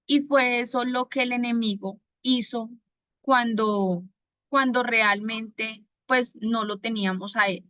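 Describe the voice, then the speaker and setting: A woman from Bogotá with a Colombian accent, giving a personal faith testimony in an earnest manner, pausing often to gather her words. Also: fairly high pitch, a bit bright, dry recording. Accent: Bogotá Colombian Spanish. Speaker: testimony giver.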